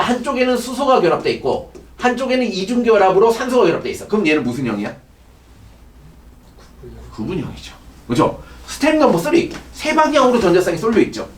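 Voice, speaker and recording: A middle-aged chemistry teacher lectures in a high, lively voice, keeping students engaged with constant check questions. He sits back from the microphone, so his voice echoes around a reverberant classroom.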